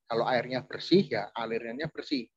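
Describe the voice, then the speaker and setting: A man's voice: mid-range voice, normal speed, highs cut off. A man preaching a chatty, conversational sermon, often turning to address his listeners directly. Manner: chatty, addresses audience often, restarts phrases.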